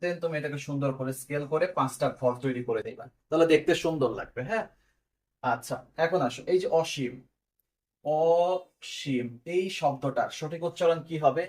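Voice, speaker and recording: A man's voice: a little high, moderate pace, darkish tone. A man teaching a pronunciation lesson step by step. He speaks Bengali with a Bangladeshi accent, asks his students questions and then answers them himself.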